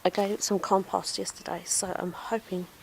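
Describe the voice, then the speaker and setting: A woman's voice: mid-range voice, little pitch movement, normal speed, gravelly, slight background noise. A woman giving a casual walkthrough of her backyard garden, chatty and self-deprecating, a little out of breath, recorded outdoors on a phone. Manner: chatty, self-deprecating, with frequent ums and laughs. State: slightly out of breath. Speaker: home gardener vlogger.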